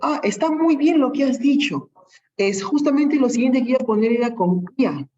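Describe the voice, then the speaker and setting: A high-pitched, expressive voice, a little mellow, moves at a moderate pace on lo-fi audio. It belongs to a teacher with a Peruvian Spanish accent giving an online class, patiently working through many examples and checking in with frequent tag questions.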